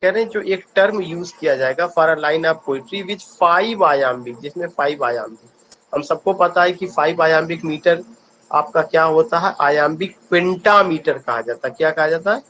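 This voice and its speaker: A man's voice: on the high side, measured pace, pushed and bright, dull audio, a little hiss or hum. A man with an Indian accent teaching an online exam-prep lesson, asking questions and answering them himself, repeating key points. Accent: Indian English. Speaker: English teacher.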